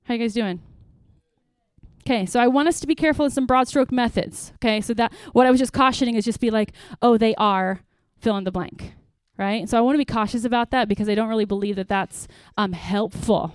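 A middle-aged woman pastor giving an earnest, lively workshop talk to parents, with praise asides and acted-out stories. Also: fairly high pitch, a little fast, clean tone, dry recording. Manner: lively storytelling, acts out quotes with bursts.

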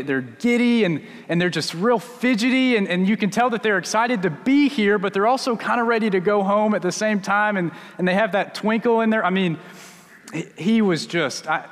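Male pastor, high voice, chatty storytelling sermon, long church reverb. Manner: storytelling, conversational with many restarts.

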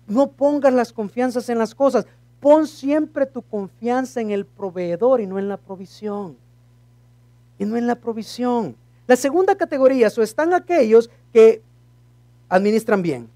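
A man preaching a sermon as pastor, dropping English words into his Spanish and swinging from lively, loud praise to low, quiet talk. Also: no echo.

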